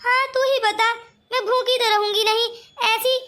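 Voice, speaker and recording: A woman's voice: very high-pitched, fairly even intonation, normal speed, sharp tone. A woman voicing a bitter, jealous older aunt in a cartoon story, taunting and scornful. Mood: complaining. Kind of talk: cartoon voice acting.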